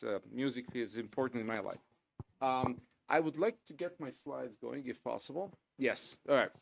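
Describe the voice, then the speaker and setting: Serbian-accented man giving a conference talk. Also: medium pitch. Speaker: conference speaker, professor. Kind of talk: live academic presentation.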